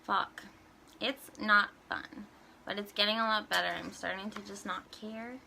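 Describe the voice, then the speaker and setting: A woman's voice: mid-range voice, fairly even intonation, moderate pace, vocal fry, pushed and bright, a little hiss or hum. A young woman vlogger ranting bluntly through a countdown list, swearing often and laughing between points.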